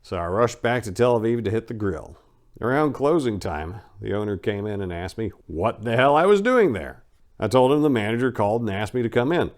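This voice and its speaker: An American audiobook narrator with a lowish voice gives a dramatic reading of a first-person memoir. He speaks fairly quickly with lively intonation, in a gritty, irreverent style, as if recounting his own rough past.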